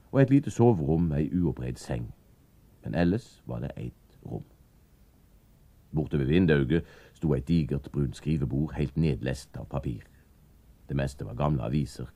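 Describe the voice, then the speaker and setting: A man reading a children's story aloud as narrator, with lively storytelling. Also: very deep voice, no room sound. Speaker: audiobook narrator.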